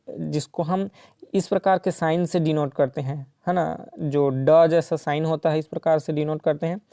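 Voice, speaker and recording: Mellow, smooth-voiced male exam tutor. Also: on the high side, no echo, studio quality. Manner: explains step by step with frequent "ठीक है" and "है ना". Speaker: teacher solving exam questions. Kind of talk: exam-prep lesson.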